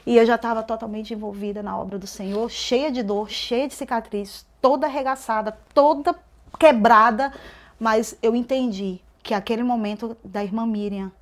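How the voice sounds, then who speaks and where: A woman telling an emotional personal testimony as a podcast guest, swinging between loud and hushed delivery. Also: a little high, fairly even intonation, normal speed, hardly any pauses.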